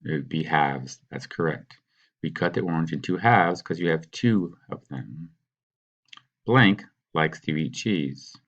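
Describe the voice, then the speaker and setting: Man, very low voice, teacher, patient walkthrough, muffled lo-fi sound. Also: fairly bright tone. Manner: patient, sounds out words slowly. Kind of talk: recorded classroom walkthrough.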